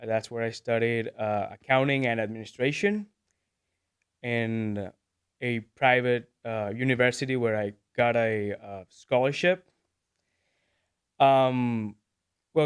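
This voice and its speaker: The guest in this casual interview is a man in his twenties from Venezuela whose first language is Spanish. He has a smooth, medium-pitched voice and speaks hesitantly, leaning on many fillers and laughing readily.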